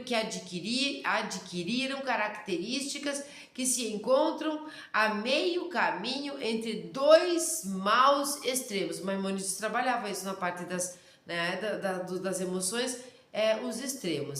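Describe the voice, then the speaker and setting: A woman with a Rio Grande do Sul interior accent giving a casual religious lesson, talking fast, loud and intensely. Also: mid-range voice, lively intonation. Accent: Rio Grande do Sul interior Brazilian Portuguese. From interior of Rio Grande do Sul, Brazil. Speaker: Torah teacher. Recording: roomy echo.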